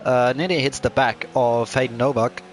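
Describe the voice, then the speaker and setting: A man doing live commentary on a sim racing event, pausing often with ums. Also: mid-range voice, fairly even intonation, faint music behind. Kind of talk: live esports race commentary. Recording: clear background noise.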